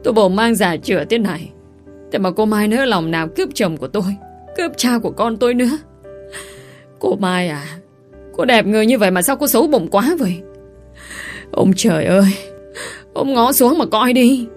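A woman voicing a scheming young pregnant village woman who wails and pleads loudly. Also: medium pitch, lively intonation, normal speed, pauses often, faint music behind, close to an everyday voice. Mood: wailing. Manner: loud, wailing, pleading.

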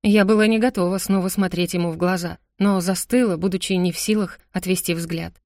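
A woman's voice: lowish voice, steady tone, a little fast, a little mellow, no room sound, clean studio sound. Woman reading an emotional first-person novel. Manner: emotional, dramatic reading with acted outbursts. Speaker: audiobook narrator. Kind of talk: first-person audiobook narration.

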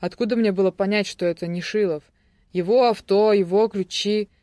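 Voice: mid-range voice, fairly even intonation, normal speed, mellow, no room sound, natural voice. Give me a narrator playing a sulky young kidnapper, mocking and raised, in a dry studio read.

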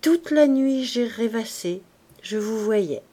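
A woman's voice: fairly high pitch, expressive, takes it slowly, dark tone. A woman reading the lines of a coy, sighing young lady in mourning.

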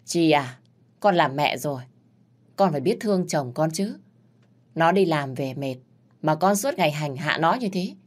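A woman's voice: deep voice, animated, measured pace, pauses often. A woman voicing a stern older mother who lectures and scolds her grown daughter. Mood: scolding.

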